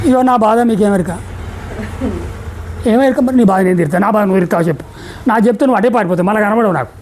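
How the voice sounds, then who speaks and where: A woman's voice: mid-range voice, rapid-fire, darkish tone, slight background noise, poor audio. A middle-aged woman with a Telangana Telugu accent giving a motivational sales seminar talk, firing rhetorical questions and acting out little dialogues.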